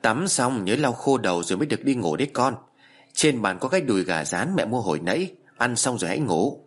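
A man's voice: mid-range voice, sing-song, husky. A man voicing a middle-aged mother who scolds her grown child in a horror story reading. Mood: caring. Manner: scolding, brisk nagging.

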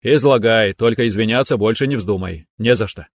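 A hearty older father-in-law with a gruff, booming voice and a blunt, teasing streak, as a male audiobook narrator puts him on. The sound is close and dry, with no room around it. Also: fairly quick, dry recording. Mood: jovial.

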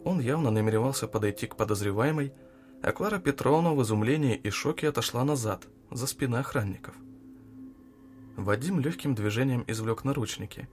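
A man narrating an audiobook in an even, measured reading. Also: mid-range voice.

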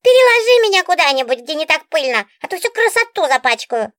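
A pampered female talking book from an audiobook, whining and affected in a piercingly high voice. Her tone is bright and sharp. The sound is dry and close to the mic. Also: very animated, brisk, dry recording, full character voice. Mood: whiny. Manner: whiny, affected, pouty. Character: spoiled capricious talking book, female diva. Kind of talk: audiobook character voice.

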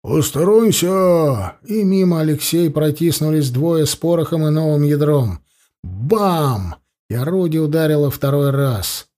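Man narrating an audiobook, slightly high voice. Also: normal speed, few pauses. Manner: steady storytelling, voices the sound effects. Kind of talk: scripted narration of a war novel.

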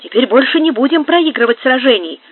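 A reader voicing a coarse, fearless male soldier who talks loudly and mockingly in an audiobook. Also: high-pitched, lively intonation, brisk, slightly rough, pitched above the performer's own voice. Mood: blustering. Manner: loud, blustering, mocking. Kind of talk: audiobook character voice. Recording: tinny phone-like sound.

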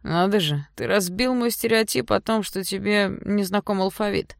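A woman's voice: on the low side, a little fast, creaky, no room sound. A woman voicing a bookish young man who teases his friend with dry mockery. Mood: mocking. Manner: dry, teasing.

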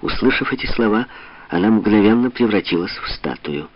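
A man narrating a novel in a measured, expressive literary reading, on a dull lo-fi audiobook recording. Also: on the low side, no room sound. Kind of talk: scripted narration.

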